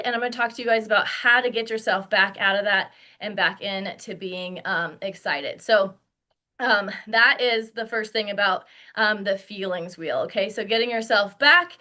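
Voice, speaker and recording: A woman's voice: mid-range voice, pushed and bright. A woman leading a motivational training session for her sales team, upbeat and acting out the feelings she describes. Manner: upbeat, acts out quoted feelings. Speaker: sales director.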